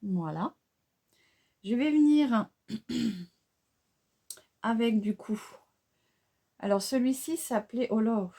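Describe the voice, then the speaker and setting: Slow, mellow-voiced French woman vlogger. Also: on the high side, husky. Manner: hesitant, chatty, many fillers and restarts. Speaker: beauty vlogger. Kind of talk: makeup tutorial narration.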